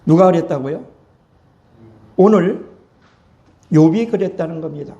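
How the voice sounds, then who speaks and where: High-voiced male pastor preaching. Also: a little slow, dark tone, lo-fi sound. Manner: reads verses aloud, then restates them in plain everyday words. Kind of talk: sermon with scripture reading.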